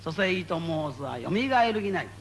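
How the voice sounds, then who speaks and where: A man giving spoken Buddhist guidance to a gathering, playful and animated, repeating phrases for emphasis. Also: on the high side, a little fast, creaky, faint music behind. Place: meeting before a live audience.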